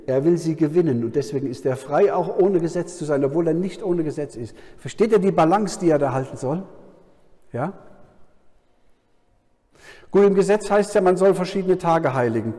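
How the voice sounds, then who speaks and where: Preacher with a "ja?" habit, reverberant hall. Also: male voice, fairly high pitch, moderate pace, mellow. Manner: frequent questioning "ja?" to the audience. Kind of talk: sermon at a Bible conference.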